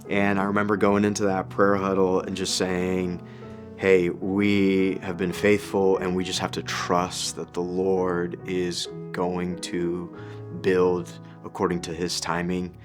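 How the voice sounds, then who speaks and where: A man's voice: deep voice, monotone, slow pace. A man in his thirties from Ukraine, a pastor telling his story in an earnest, reflective way. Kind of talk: testimony interview. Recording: music bed under voice.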